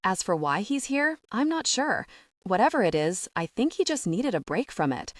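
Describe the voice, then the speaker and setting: A woman reading the lines of a quiet, reserved man in an audiobook, in an understated way. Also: mid-range voice, big pitch swings, normal speed, no echo, studio quality, lightly acted.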